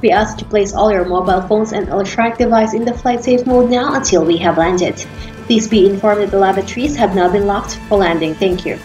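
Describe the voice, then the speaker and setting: Female flight attendant announcer, Filipino accent, courteous scripted read, average pitch, echoing room with background music. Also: a little fast, darkish tone, lo-fi sound. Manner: formal, polite scripted flight attendant delivery. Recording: roomy echo, background music. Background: faint to clear music.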